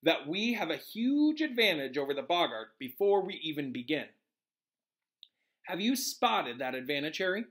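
A man acts out a cheerful wizard professor from a storybook. His voice is raised and swings widely in pitch as he instructs his class. He stays calm and encouraging, stressing his points clearly. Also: normal speed. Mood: keen, instructive.

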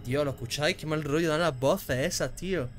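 A man's voice: on the high side, brisk. A man with a Spanish accent from Spain, giving casual, jumpy let's play commentary, swearing often and reading in-game notes aloud. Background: game music.

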